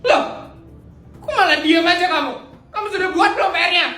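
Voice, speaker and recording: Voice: very high voice, fairly quick, voice pushed up. A performer voicing a strict, angry male schoolteacher in a comedy skit, scolding a pupil. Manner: scolding, shouting, mocking. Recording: echoey room with loud background music.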